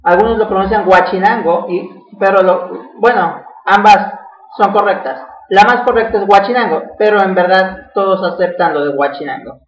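A man's voice: high-pitched, normal speed, dull audio. A man teaching English vocabulary, repeating each word patiently and checking in with the class. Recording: echoey room, mic far off.

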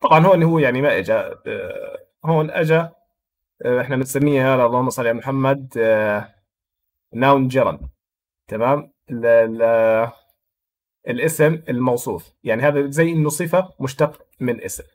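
A man with a Jordanian Arabic accent explaining an English textbook lesson, reading English phrases slowly and then explaining them quickly in Arabic. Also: mid-range voice. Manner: switches between slow read English and quick Arabic explanation. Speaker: English teacher.

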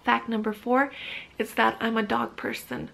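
Chatty woman in her thirties with vocal fry. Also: a little high, level tone, normal speed, a bit bright, rough recording. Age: 30s. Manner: chatty, rambling with frequent restarts and ums. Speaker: vlogger. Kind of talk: casual chat to camera. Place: living room, seated on a sofa.

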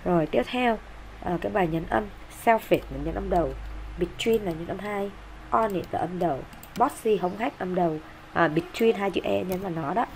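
A woman teacher walking through exam answers in a brisk, explanatory way, with many fillers and an occasional cough. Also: fairly low pitch, a little mellow, a little hiss or hum. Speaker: English teacher.

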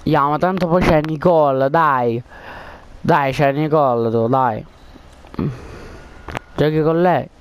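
A man's voice: on the high side, slow, long pauses, a little hiss or hum. A man chatting casually over a game headset, rambling with lots of fillers and coaxing a friend during a prank. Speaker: gaming video creator. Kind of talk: casual gaming chat and prank.

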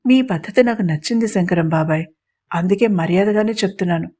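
A cocky young prince who teases and mocks his elders with cool confidence, as a woman narrator puts him on. His voice is mellow and warm, only slightly raised from the narrator's own. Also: fairly low pitch, a little fast, lightly acted. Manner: teasing and sarcastic.

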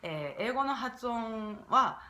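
A woman gives a casual vlog lesson on pronunciation, drawing vowels out slowly when she demonstrates them. Her voice sits in the middle of the range. The recording carries a roomy echo. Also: on the high side, expressive, pushed and bright. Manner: demonstrates vowel sounds with drawn-out, exaggerated syllables. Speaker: jazz vocalist teaching English pronunciation.

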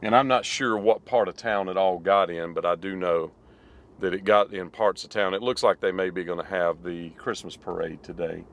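A man's voice: low voice, moderate pace. A man, reminiscing in casual chat and then narrating while driving. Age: 50s. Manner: relaxed, reminiscing. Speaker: vlog host. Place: living room, then a car.

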